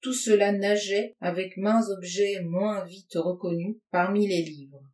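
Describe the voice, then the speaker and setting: Une femme lit à voix haute un récit littéraire à la première personne, d'un ton posé et expressif. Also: female voice, medium pitch, fairly even intonation, unhurried, darkish tone. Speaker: audiobook reader. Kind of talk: literary narration read aloud. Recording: roomy sound from a distance.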